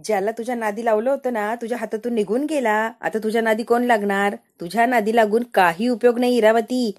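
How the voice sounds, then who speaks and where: A woman's voice: on the high side, fairly even intonation, a little fast, darkish tone, natural voice. A woman voicing a middle-aged aunt who taunts and gloats. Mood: taunting.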